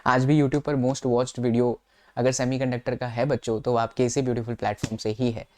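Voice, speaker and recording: A man's voice: medium pitch, little pitch movement, normal speed, darkish tone, a little hiss or hum. A young man teaching physics exam revision, mixing terms and formulas into casual Hindi and coaxing his students along.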